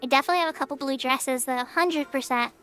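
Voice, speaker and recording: High-pitched cute anime-style woman streamer. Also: fast talker, pushed and bright, faint music behind. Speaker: livestreamer. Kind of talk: casual livestream chat while gaming.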